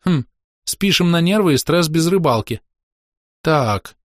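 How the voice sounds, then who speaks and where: A man's voice: a little high, lively intonation, unhurried, no echo, studio quality, pitched above the performer's own voice. A man voicing a blunt, chatty young girl, the narrator's daughter, telling what she saw in a childlike way. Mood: cheeky.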